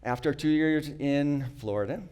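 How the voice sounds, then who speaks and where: A middle-aged man who is not a native English speaker tells a prepared personal story, earnest and reflective. He makes small restarts and clears his throat often. His voice is fairly high-pitched with a darkish tone, at normal speed.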